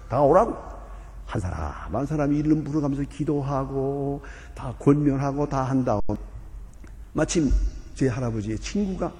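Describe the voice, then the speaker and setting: An older man, a pastor, preaching and telling stories with sudden loud emphasis. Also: medium pitch, lively intonation, moderate pace. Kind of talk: sermon. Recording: long reverb of a church hall.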